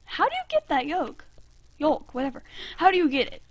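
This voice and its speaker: A young woman giving casual, excitable commentary while playing a video game with friends, often yelping and laughing. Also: high-pitched, brisk. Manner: excitable, frequent yelps and laughs. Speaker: gamer host.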